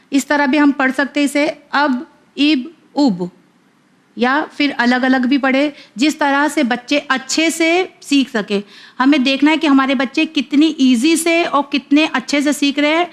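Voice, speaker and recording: High-voiced woman teaching reading drills. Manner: drills syllables slowly, explains briskly. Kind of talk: children's Quran reading lesson.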